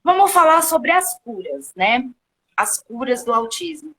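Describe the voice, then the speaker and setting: A woman's voice: high-pitched, very animated, measured pace, fairly bright tone, poor audio. A woman from Brazil hosting an interview, who asks conversational questions and often restarts and corrects herself. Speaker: host. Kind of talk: interview questions, casual chat.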